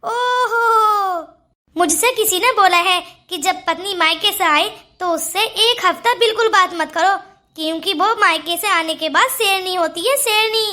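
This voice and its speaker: A cheeky cartoon husband. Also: female voice, extremely high pitch, bright, forceful tone, full character voice. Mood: coaxing. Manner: joking, teasing tone. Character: teasing young husband, playful and cheeky. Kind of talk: cartoon voice acting.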